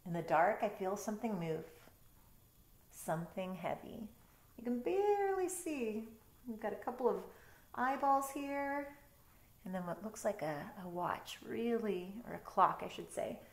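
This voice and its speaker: With lively intonation and a medium-pitched voice, a middle-aged woman takes her time reading a picture book aloud, adding conversational explanatory comments. She's a teacher doing storytime in a bedroom at home, captured with roomy indoor echo.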